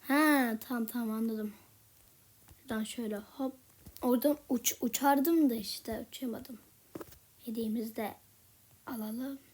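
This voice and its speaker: A woman giving casual gameplay commentary in a soft, half-whispered voice, a little sick with a slightly rough voice. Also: a little high, fairly even intonation, unhurried, long pauses. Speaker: gaming channel host.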